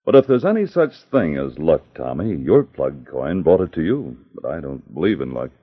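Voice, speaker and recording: Firm, earnest police sergeant, old radio drama style, animated and authoritative, dull vintage sound. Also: male voice, rumbling low, moderate pace, husky, exaggerated voice. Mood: earnest, kindly. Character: firm, upright male Mountie police sergeant. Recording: muffled, noisy vintage radio recording.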